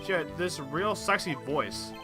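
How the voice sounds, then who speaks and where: A man's voice: a little high, lively intonation, measured pace, music in the background. A man voicing a brash, defensive young male witness while reading game dialogue aloud. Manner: defensive, whiny.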